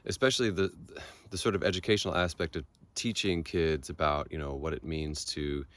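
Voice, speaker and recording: An American man speaking as a guest on an outdoor bike trip video, talking in a thoughtful, wry, soft-spoken way. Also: extremely low pitch, fairly even intonation, a little fast. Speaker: guest and local guide on the ride. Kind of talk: casual outdoor chat. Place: outdoors by a lake.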